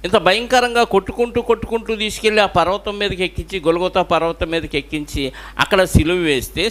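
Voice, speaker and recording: A man's voice: sits high, a bit bright. A male pastor with a Telugu accent preaching a sermon, often asking the congregation questions.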